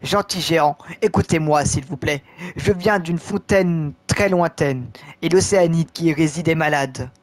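A man's voice: on the high side, moderate pace, lightly acted. A man voicing a polite, persuasive female witch in a game story, reading with stumbles. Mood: pleading. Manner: clumsy read-aloud, stumbling over words.

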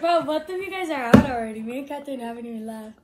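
A woman's voice: high voice, expressive, fast talker. A young adult woman bantering casually with her siblings at a table. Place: indoors, dining room at a table. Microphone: camera across the table. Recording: clear room noise, slightly distant.

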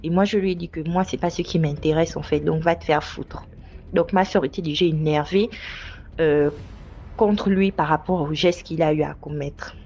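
A woman's voice: normal speed, a little hiss or hum. A young woman casually recounting a personal night-out story, animating the voices she quotes. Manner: lively, acts out quoted voices with big pitch jumps. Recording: slightly dull lo-fi sound.

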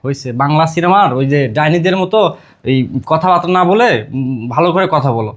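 A performer playing a calm middle-aged husband and father, mild and placating. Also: mid-range voice, fairly quick, natural voice.

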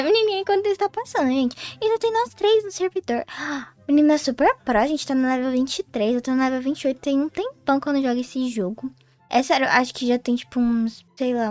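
High-voiced Brazilian woman gaming. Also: no echo. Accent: Brazilian Portuguese. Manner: chatty, talks to viewers as "gente", sing-song greetings. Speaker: gaming YouTuber. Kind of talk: casual gameplay commentary.

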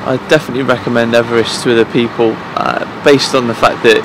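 A man in his thirties, a head groundsman, speaking earnestly to camera outdoors at pitch side in an empty stadium, pausing often with fillers and restarts. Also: fairly even intonation, noisy background. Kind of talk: promotional interview to camera.

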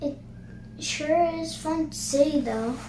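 A woman's voice: sits high, slow. A young girl voicing a cheerful, playful narwhal from a picture book, in a chirpy manner. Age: child. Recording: noisy, roomy home recording.

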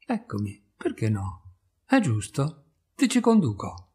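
A man's voice: mid-range voice, animated, a little slow, dark tone, husky. A man doing a gloomy, wounded cemetery keeper.

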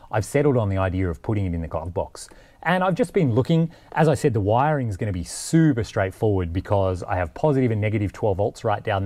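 A man in his forties, with a lowish, darkish voice, talks casually to the camera like a DIY vlogger presenting a vehicle install. He thinks out loud and explains things conversationally.

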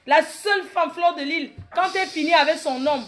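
A woman in her late thirties with a Cameroonian French accent and a high voice. She delivers a boastful, mocking comedy rant aimed at her critics. Faint music plays underneath. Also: normal speed, a bit bright. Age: 30s. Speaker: comedic vlogger. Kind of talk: satirical comedy monologue.

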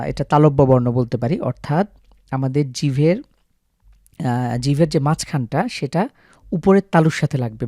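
Studio-quality, dry audio captures a Quran recitation teacher whose warm voice is fairly high. Step by step and with patience, he shows viewers how to pronounce Arabic letters, drawing out each sample sound.

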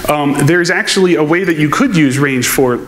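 Here a conference speaker with a voice on the high side keeps a moderate pace. In a large lecture hall, he stands on stage for a technical keynote, taking audience questions and explaining his thinking. Echo from the hall and a little noise are audible.

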